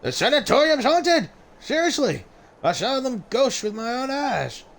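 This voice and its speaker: A man voicing a frail, grumpy old man who complains about being rushed, in a strained high voice. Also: expressive, fairly bright tone. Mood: alarmed. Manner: cranky, complaining.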